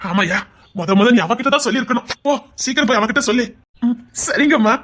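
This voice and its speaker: A woman's voice: on the high side, lively intonation, quick pace, a bit bright. A woman voicing an emotional, devoted village policeman husband in a cartoon, with a Tirunelveli Tamil accent, earnest and tearful. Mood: grateful.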